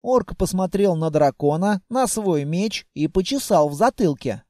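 A man narrating a fantasy audiobook in the first person with lively storytelling. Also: sits high, a little slow, no room sound, clean studio sound.

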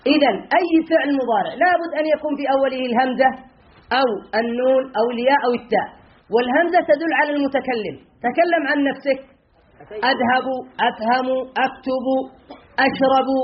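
High-voiced man teaching Arabic grammar. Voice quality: questions and answers himself, repeats key terms. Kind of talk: classroom grammar lesson. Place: classroom. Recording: dull lo-fi classroom recording.

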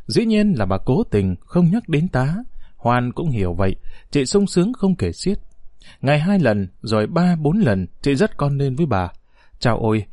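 A man's voice: mid-range voice, darkish tone, dry recording, clean studio sound. A man narrating a story as an audiobook, expressively voicing the characters.

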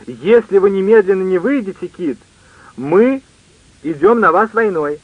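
A man's voice: on the high side, expressive, moderate pace, no echo, narrow, tinny audio. A man reading an audiobook, voicing a tipsy grown man who teases and bosses his friends. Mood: mocking. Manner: mocking, bossy.

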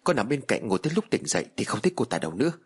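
A man's voice: mid-range voice, big pitch swings, racing, slightly rough. A man doing a panicky, stammering young husband. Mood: panicked. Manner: stammering, alarmed.

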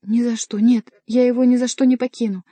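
A woman's voice: on the high side, fairly even intonation, brisk, dark tone, slightly rough, no room sound, pitched above the performer's own voice. Diana, a woman voicing a pleading young noblewoman. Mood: desperate. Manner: pleading, praying.

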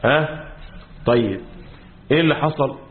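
A man's voice: medium pitch, moderate pace, slight background noise. A man with an Egyptian accent, a sheikh lecturing a class on Quran commentary, quizzing his students with fill-in questions and repeating key words. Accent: Egyptian Arabic. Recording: tinny lo-fi phone-like recording.

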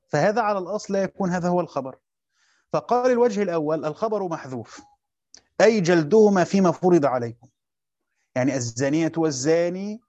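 A man's voice: fairly high pitch, a little mellow, dull audio. A man with an Egyptian Arabic accent teaching a lesson, explaining step by step and repeating his own questions. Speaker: teacher of Quran commentary. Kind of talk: classroom lecture.

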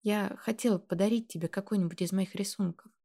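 A woman reading the lines of a shy, tender teenage girl who speaks softly and timidly. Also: mid-range voice, fairly even intonation, fairly quick, gravelly. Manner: soft, timid, breathless.

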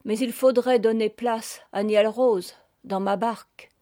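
A woman's voice: a little high, unhurried, no echo, clean studio sound, natural voice. A woman reading as a proud, brave young woman. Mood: firm. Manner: calm and firm.

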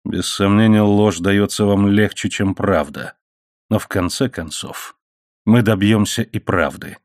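A man reading an audiobook, voicing a sardonic man who speaks in quiet, mocking tones. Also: on the low side, a little slow, no echo, clean studio sound. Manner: quietly mocking, grimly sarcastic. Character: sardonic cold-hearted man taking revenge.

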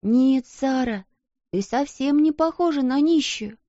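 A woman's voice: a little high, expressive, measured pace, mellow, dry recording, pitched above the performer's own voice. Timid, hesitant kind schoolgirl , voiced by a woman; dull, dry audio.

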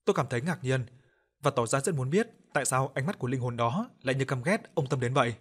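A man's voice: mid-range voice, husky. Man narrating a horror audiobook. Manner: steady, measured storytelling. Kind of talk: scripted story narration.

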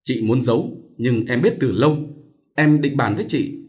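A man's voice: mid-range voice, expressive, moderate pace, a little mellow, natural voice. A man voicing an earnest young male student who explains things to his sister.

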